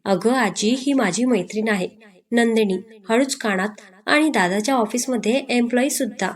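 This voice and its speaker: A woman's voice: fairly high pitch, close to an everyday voice. Woman doing a cheeky, playful young sister. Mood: pleading. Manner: quick, teasing protests. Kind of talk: storybook reading.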